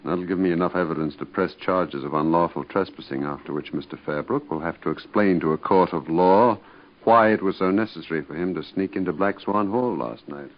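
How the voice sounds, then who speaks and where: Actor as very deep-voiced courtly English lord. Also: male voice, brisk, natural voice. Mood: determined. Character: devoted, titled English lord and husband, determined and wry. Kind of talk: 1940s radio soap acting. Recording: dull, band-limited vintage radio recording.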